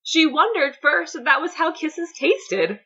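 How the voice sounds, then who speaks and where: Bright-voiced woman storyteller. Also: sits high, sing-song, measured pace, highs cut off. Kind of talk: dramatic story reading.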